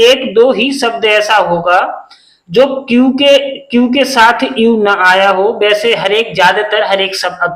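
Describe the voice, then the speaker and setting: A man's voice: high voice, fairly bright tone, echoey room, rough recording. A man teaching a beginners' phonics lesson, spelling words letter by letter and answering his own questions.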